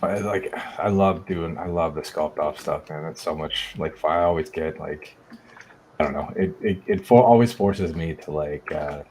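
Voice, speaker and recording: A man co-hosting a casual live talk show, speaking haltingly with many restarts and fillers. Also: very deep voice, a little mellow. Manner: halting, restarts, heavy use of "like". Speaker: podcast co-host. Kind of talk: casual chat. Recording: faint background noise.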